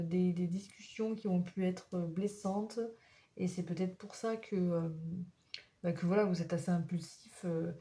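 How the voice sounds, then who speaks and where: A woman doing a spiritual oracle card reading for her viewers, talking gently and encouragingly, often pausing to search for words. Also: lowish voice. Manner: halting, searching for words as she goes.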